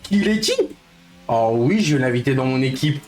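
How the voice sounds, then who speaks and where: An excitable man in his thirties chatting through a live racing-game stream, swearing and joking at his own expense. His pitch leaps up and down constantly. Faint music plays underneath. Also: normal speed, roomy sound. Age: 30s. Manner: excitable, swearing, playful self-mockery. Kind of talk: casual live-stream gaming chat.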